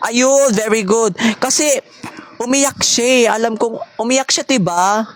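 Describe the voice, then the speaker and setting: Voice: medium pitch, unhurried, a little hiss or hum. A gamer chatting casually during online play, playful and mock-serious, mixing in English phrases. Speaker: gamer playing online with others. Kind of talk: casual gameplay chat.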